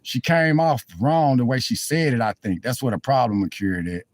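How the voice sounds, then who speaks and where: A man's voice: mid-range voice, lively intonation, normal speed, dry recording. Rambling heartfelt man on a dry phone mic. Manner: rambling, heartfelt, apologetic, talks straight to chat. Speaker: live-stream vlogger. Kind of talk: casual live-stream chat. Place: car in cold weather.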